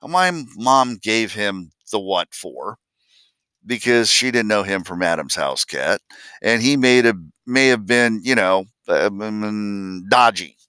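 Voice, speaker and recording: An older man from Ohio tells a family story in a blunt, folksy way and takes his time over it. His voice is bright and clear and swings widely in pitch, recorded close and dry. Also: expressive, takes it slowly, no echo. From Columbus, Ohio, USA. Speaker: vlogger. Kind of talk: personal storytelling.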